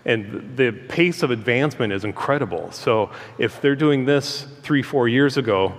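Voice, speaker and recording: A man giving an informal public presentation through loud speakers, speaking in a halting, conversational way as a guest speaker. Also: mid-range voice, expressive. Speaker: guest speaker, transportation engineer. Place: large room, speaking through a PA system. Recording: hall reverb, amplified through loudspeakers.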